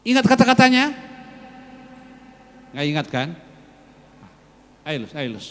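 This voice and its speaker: A man preaches to his congregation, his voice sitting a little high. He talks slowly, stretching phrases word by word to drive them home. His voice rings with the long reverb of a church hall. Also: big pitch swings, fairly bright tone. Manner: coaxing, repeats phrases slowly for emphasis, calls out to the men. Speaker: worship leader addressing the congregation. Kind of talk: lively sermon-style exhortation.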